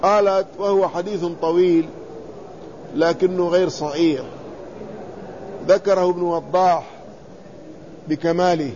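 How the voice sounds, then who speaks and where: Man, scholarly lecturer, deliberate reading and explanation, faint hiss. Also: high-pitched, mellow, lo-fi sound. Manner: measured, deliberate, spells out letters and vowels. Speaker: Islamic scholar teaching hadith commentary. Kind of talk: reading and explaining a classical text.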